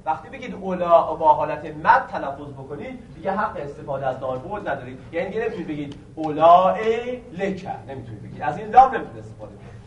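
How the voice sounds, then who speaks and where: A man teaching a grammar lesson, quizzing the students with questions and slowly stretching out key words. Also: fairly high pitch, big pitch swings, a bit bright, distant mic, a little hiss or hum. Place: classroom. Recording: echoey room recorded from afar.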